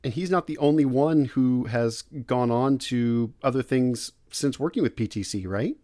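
A man's voice: mid-range voice, moderate pace, dark tone. A male interviewer who adds brief prompts and background for listeners. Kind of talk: interview questions.

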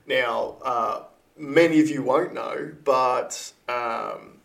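A man's voice: medium pitch, very slow, gravelly, a bit bright. An Australian man from Queensland, co-hosting a casual podcast and giving blunt opinions with frequent laughs. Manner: opinionated, laughs often, restarts. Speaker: podcast co-host.

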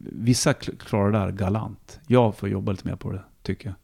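A man with a Hälsingland Swedish accent, chatting casually as a guest, relaxed and rambling, swearing easily. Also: on the low side, vocal fry, slightly rough. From Sweden, Hälsingland. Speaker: musician and radio host, guest. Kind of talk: casual conversation.

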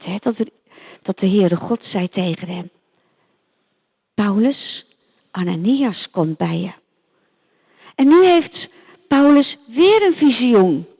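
A woman telling a Bible story to children, animated and speaking directly to her listeners, on a tinny phone-like recording. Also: a little high.

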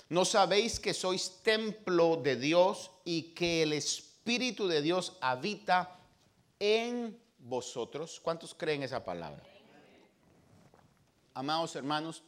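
Male pastor, sermon delivery, high-ish lively voice, dramatic loud-to-hushed swings. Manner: slow, emphatic scripture reading.

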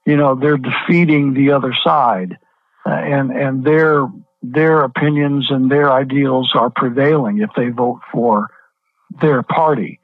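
A man's voice: mid-range voice, fairly even intonation, measured pace, no echo. A man, a pastor, speaking as a guest in an interview, emphatic and repeating words to press his point. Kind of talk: interview over the phone. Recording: tinny phone line.

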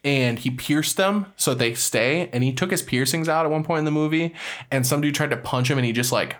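A man's voice: fairly high pitch, fairly quick, fairly bright tone. A man chatting casually as a co-host, rambling and slangy with some swearing. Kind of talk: casual chat.

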